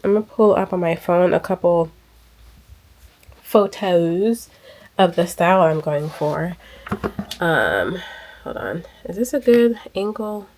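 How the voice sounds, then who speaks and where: A woman from the United States in her thirties speaks straight into a small handheld camera mic for a relaxed lifestyle vlog. Her voice sits a little low, her pace is slow with frequent pauses, and her chatty, emphatic style has her repeating key points for effect.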